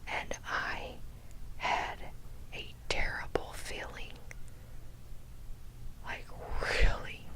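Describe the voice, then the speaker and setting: A woman telling a personal story for ASMR in a breathy, unvoiced whisper, hushed and deliberate, dwelling on key words for suspense. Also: rough recording. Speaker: storyteller, ASMR channel host.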